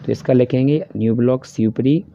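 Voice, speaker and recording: A man with a Hindi accent teaching a class worksheet, explaining each answer step by step and reading the English questions slowly. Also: mid-range voice, dry recording. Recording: dry, dull lo-fi voice-over.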